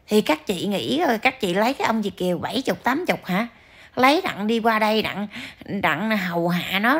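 A woman's voice: fairly high pitch, gravelly, husky. A woman ranting to her viewers in a scolding, emphatic way, full of rhetorical questions. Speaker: vlogger commentator.

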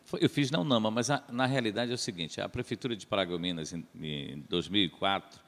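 A man telling a rambling, animated story as a podcast guest. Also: on the low side, a little fast, long reverb tail, faint music behind. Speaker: podcast guest, radio announcer. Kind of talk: casual storytelling.

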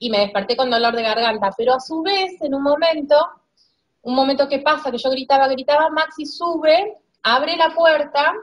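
A woman's voice: high-pitched, normal speed, lo-fi sound. A woman recounting a vivid dream in a casual, hesitant way, restarting her phrases. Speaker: client's wife recounting a dream. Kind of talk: casual storytelling.

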